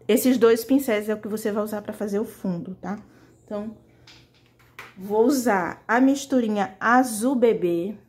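A woman's voice: medium pitch, a little mellow. Chatty woman teaching fabric painting. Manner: chatty, talks directly to viewers. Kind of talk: casual tutorial.

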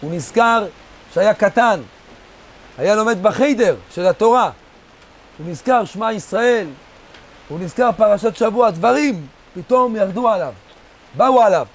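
A rabbi with a noticeably high voice delivers a storytelling sermon. He builds the tale in short, dramatic phrases and talks to his listeners casually as "guys". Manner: addresses listeners casually as "guys" while narrating. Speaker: rabbi giving a Torah lesson.

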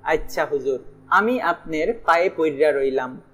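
A man voicing a devoted young village woman in an audiobook, with soft, imploring rustic speech. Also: fairly high pitch, unhurried, slightly rough. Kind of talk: audiobook character voice.

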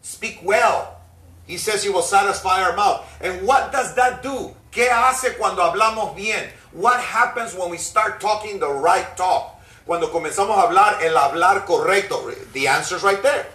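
Man pastor, bilingual sermon, emphatic and repetitive, sharp high voice, distant mic in a roomy hall. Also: measured pace. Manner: emphatic, repeats each phrase in Spanish and English. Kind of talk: bilingual sermon, translating himself line by line. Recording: echoey hall, mic far off.

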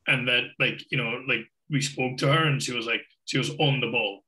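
A Scottish man in his thirties with a bright, forward tone chats casually over a video call from his home office. He rambles a bit, piling up fillers like "like" and "you know" as he guest-hosts. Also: mid-range voice, fairly even intonation, brisk, poor audio. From Scotland. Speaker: guest host.

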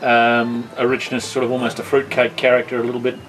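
A man on a cigar review panel describing flavours in slow, casual tasting notes while talking with a cigar in his mouth. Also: medium pitch, monotone, fairly bright tone, slight background noise, rough recording.

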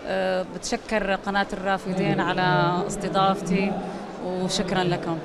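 A woman, a visual artist describing her painting in an interview, pausing often with fillers and restarts. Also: lowish voice, completely flat delivery, heavy background noise. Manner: hesitant, many fillers and restarts. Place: busy indoor exhibition hall. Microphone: handheld interviewer mic.

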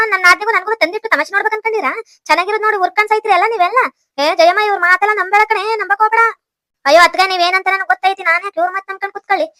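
A woman voicing shrill quarrelling village women. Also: sharp tone, dry recording, studio quality. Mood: scolding. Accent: North Karnataka Kannada. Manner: scolding, rapid-fire quarrelling. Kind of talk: cartoon voice acting.

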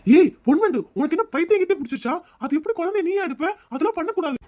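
A woman's voice: very high-pitched, lively intonation, racing, darkish tone. A woman voicing a kindly older father-in-law in a cartoon, soothing and reproachful by turns. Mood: concerned. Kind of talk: cartoon voice acting.

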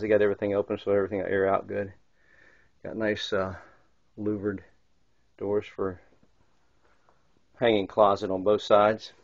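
A man's voice: on the low side, no room sound. A man casually narrating a walk-through of a yacht's cabins as he films, rambling with fillers and restarts. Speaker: walk-through guide filming a boat tour. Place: indoors aboard a yacht, small wood-paneled cabins. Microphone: handheld camera microphone. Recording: dull lo-fi camcorder audio.

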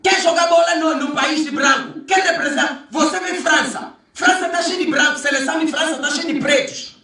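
A man's voice: extremely high pitch, normal speed, gravelly, bright, forceful tone. A man in an emphatic, mocking monologue, firing off repeated rhetorical questions. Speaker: vlogger. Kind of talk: ranting monologue. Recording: echoey room, far from the mic.

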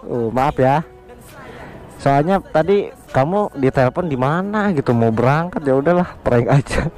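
A man's voice: mid-range voice, animated, moderate pace, a little mellow. A young man, casually chatting and teasing his girlfriend in a prank vlog. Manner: playful, teasing, laughs a lot.

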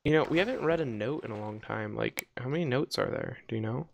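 A man's voice: mid-range voice, fast, creaky, slight background noise. A man chatting casually over a let's-play game, easygoing and curious. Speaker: gameplay commentator.

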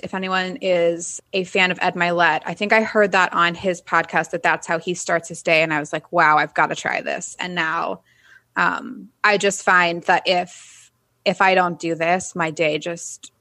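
A woman's voice: lowish voice, bright, forceful tone, no echo. A woman who is a wedding photographer and business owner, talking as a podcast guest in a chatty, upbeat way and laughing at herself. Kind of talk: conversational interview.

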